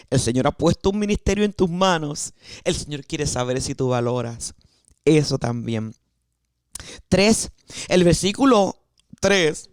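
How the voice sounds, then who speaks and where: A woman's voice: low-pitched, a little mellow, no room sound, clean studio sound. A woman from Puerto Rico with a Puerto Rican accent, preaching a sermon and stressing key phrases by repeating them. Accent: Puerto Rican Spanish.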